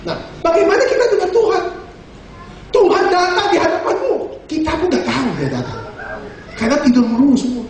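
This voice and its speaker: A male pastor giving a lively, joking sermon full of rhetorical questions. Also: extremely high pitch, brisk, heavy reverb, recorded from a distance. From Indonesia.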